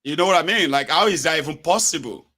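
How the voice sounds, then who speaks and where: Higher-voiced male talk show host, effusive. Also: animated, fast, sharp tone. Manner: effusive, repeats questions and thanks. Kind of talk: casual call-in chat.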